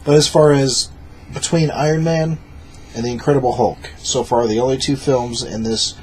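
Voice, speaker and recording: Drunk dude chatting about a movie, average pitch, little bit of room noise. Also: male voice, fairly even intonation, moderate pace, darkish tone. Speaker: film review co-host. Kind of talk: casual review chat.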